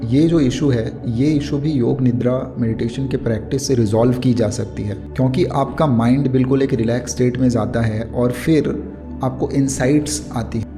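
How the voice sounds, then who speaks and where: A man with an Indian accent giving an explanatory meditation lesson in a soothing, unhurried yoga-teacher manner. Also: mid-range voice. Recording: clear music bed under the voice. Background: music.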